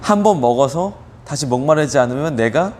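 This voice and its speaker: A man's voice: a little high, lively intonation, normal speed, a little mellow, a little hiss or hum. A man, a youth ministry pastor, giving a conversational sermon with rhetorical questions and frequent fillers as he retells a Bible story.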